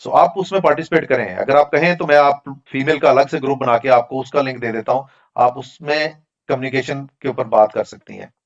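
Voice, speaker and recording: This instructor from Pakistan has a mid-range voice and talks fairly quickly, though the recording cuts off the highs. Teaching a class online by video call, he answers student questions in a candid, conversational, explanatory way.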